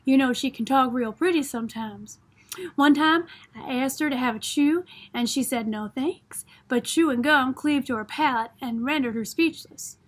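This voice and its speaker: A woman's voice: high voice, moderate pace. A woman reading the part of a curious, chatty little girl with a Southern small-town drawl. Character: eager, curious little girl, quick to talk. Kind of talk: audiobook reading.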